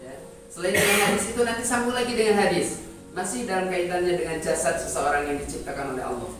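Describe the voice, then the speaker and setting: A man's voice: high voice, quick pace. A man teaching trainees how to preach, talking emphatically and addressing them directly. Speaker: Islamic preacher teaching sermon delivery. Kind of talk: instructional talk to trainees. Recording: echoey room, distant mic, music behind.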